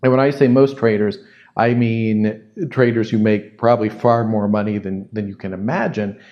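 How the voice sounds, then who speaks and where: A man's voice: lowish voice, steady tone, normal speed, highs cut off. A man hosting a solo podcast, answering a listener's question in a thoughtful, reflective way and often repeating words as he thinks. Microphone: studio microphone close to the mouth.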